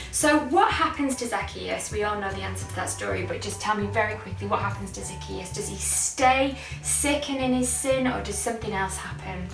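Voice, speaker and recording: A woman with a creaky, mid-range voice leads a children's Sunday school, explaining Bible lessons simply and asking many questions. The interactive teaching is recorded in an indoor church studio, with an echoey room, a distant mic, and faint music.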